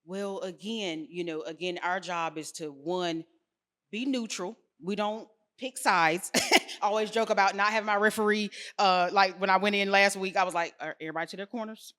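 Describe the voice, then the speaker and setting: A woman speaking about home care on a panel, lively and laughing often as she acts out dialogue. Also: mid-range voice, normal speed. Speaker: home care company representative. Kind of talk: casual panel discussion.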